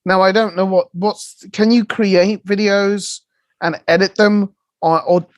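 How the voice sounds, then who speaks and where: Male podcast co-host, West Country English accent, higher register, conversational, very dry sound. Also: fairly even intonation, unhurried, dry recording. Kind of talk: casual podcast chat.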